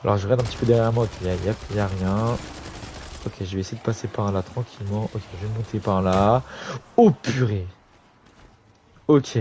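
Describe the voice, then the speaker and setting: Excitable young gamer man. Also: on the low side, brisk, long pauses, a little hiss or hum. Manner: excitable, slangy, talks to viewers, sudden yelps. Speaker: gamer streamer. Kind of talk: casual gameplay commentary.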